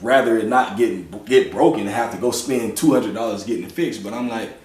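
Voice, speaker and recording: A podcast host speaks in a lowish, slightly mellow male voice at a brisk clip, chatting loosely and reflectively with plenty of "you know" in a casual interview. The mic sits far off, so the sound is roomy.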